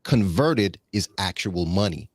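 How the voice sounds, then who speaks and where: In a casual conversational interview, a Bahamian man with a very deep, low voice thinks aloud as the guest, rambling, restarting often and relying on fillers. His intonation is lively and his pace unhurried, and at times he slips into a preacherly manner, quoting scripture. The recording is close and dry, with no sense of the room.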